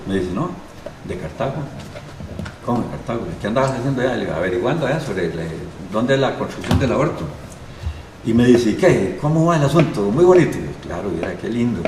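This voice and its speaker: A medium-pitched older man with a Costa Rican accent tells a lengthy anecdote a little fast, acting out the other people's dialogue. He's a guest being interviewed on a live show, and the recording is distant and roomy with some background noise.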